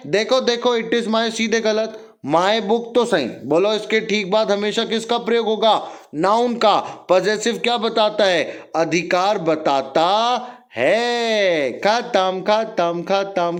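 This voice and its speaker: A male English grammar teacher, teaching a classroom lesson that drills students with repeated questions and call-and-response. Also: high voice. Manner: slow, spelling out and stressing each word.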